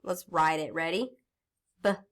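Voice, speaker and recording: A woman's voice: mid-range voice, expressive, unhurried, fairly bright tone. A woman teaching a recorded phonics lesson to young children, patiently sounding out letters step by step and reading a storybook aloud in an encouraging way.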